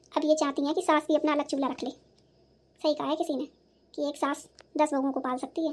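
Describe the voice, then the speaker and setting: A sarcastic, self-pitying old mother-in-law in a cartoon who scolds her daughters-in-law, played by a woman. Her voice sits high. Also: a little mellow, natural voice. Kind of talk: cartoon voice acting.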